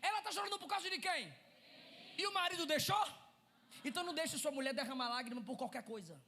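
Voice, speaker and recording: A man preaching a Pentecostal sermon, shifting from shouted lines to quiet asides and calling out to the congregation. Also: very high voice, lively intonation, fast, gravelly, slight background noise. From Brazil.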